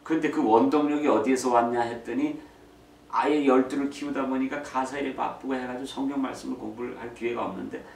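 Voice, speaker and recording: A middle-aged man giving a church talk on raising children, telling lively stories, acting out quotes and mixing in English phrases. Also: medium pitch, fast talker, vocal fry. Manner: lively storytelling, acts out quotes. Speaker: speaker on parenting. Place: church hall. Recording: roomy echo from far mic, faint ambience.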